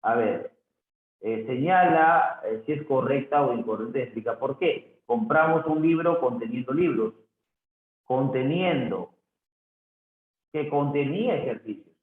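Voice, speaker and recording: A man teaching a grammar review lesson, slowly reading answers aloud and repeating them for the student. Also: mid-range voice, animated. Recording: echoey, phone-like lo-fi audio.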